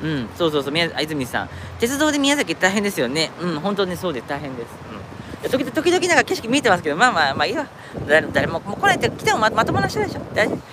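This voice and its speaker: A man live-streams from a city park, chatting casually and answering viewer comments. He laughs at himself often, and his pitch swings all over the place. The recording carries clear street noise and passing vehicles. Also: wildly swooping pitch, rapid-fire. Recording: outdoor traffic noise. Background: street traffic.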